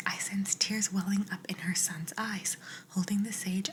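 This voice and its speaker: A young adult woman, an ASMR creator, reading viewers' stories in a soft, steady whisper. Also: on the low side, slight background noise, rough recording.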